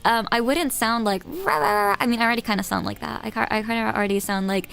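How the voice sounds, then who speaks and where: Woman, high-pitched, gravelly fry, giggly, rambling, casual stream chat. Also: fairly even intonation, fast talker, a bit bright, a little hiss or hum. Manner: giggly, rambling, self-teasing. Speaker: live-stream host.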